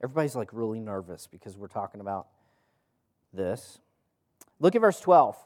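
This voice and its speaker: With a darkish, on-the-low-side voice that moves in a sing-song way, a man talks at normal speed to a group gathered in a room. He leads their Bible study as an informal teaching sermon with scripture, repeating key phrases and throwing out rhetorical questions.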